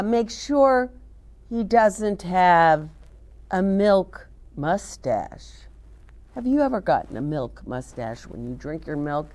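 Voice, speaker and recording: Reading a picture book to young children, a woman lets her pitch swing in a lively way and takes her time over the words. She's an expressive storytime host who adds chatty asides for her listeners.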